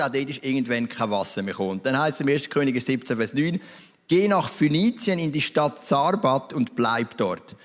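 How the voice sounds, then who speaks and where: A man with a Swiss German accent preaching a sermon, telling a Bible story conversationally and addressing listeners directly. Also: medium pitch. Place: church hall. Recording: reverberant church hall.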